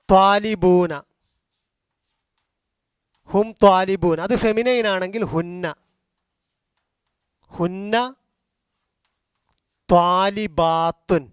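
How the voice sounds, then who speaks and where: Malayali guy teaching grammar, high voice, slow, repeats every form. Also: clear, resonant tone, no room sound, clean studio sound. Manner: slow, drilling repetition of forms. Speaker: language teacher. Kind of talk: explaining grammar in a video class.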